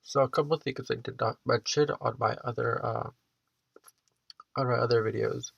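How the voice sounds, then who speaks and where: Creaky young man with blocked nose. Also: medium pitch, fairly even intonation, moderate pace, no room sound, lo-fi sound. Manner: hesitant and rambling, heavy use of "like". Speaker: vlogger. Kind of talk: casual personal vlog, rambling storytelling.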